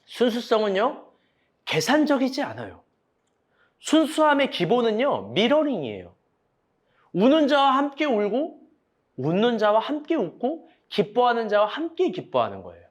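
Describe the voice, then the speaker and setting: Young male preacher, high animated voice, casual and joking in his sermon. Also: moderate pace. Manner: casual, joking, acts out quoted arguments, direct questions to congregation.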